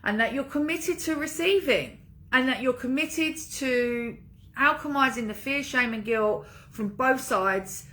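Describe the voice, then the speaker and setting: A woman's voice: sits high, measured pace, a bit bright. A woman coaching an online group in a casual livestream, talking informally in an emphatic pep-talk way that leans on repetition.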